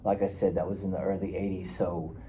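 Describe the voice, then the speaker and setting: A man playing a troubled fifty-one-year-old client sent by the court in a counseling role-play, talking in a hesitant, halting, earnest way. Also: sits low, flat delivery, dark tone, slight background noise, lightly acted, poor audio. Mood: subdued.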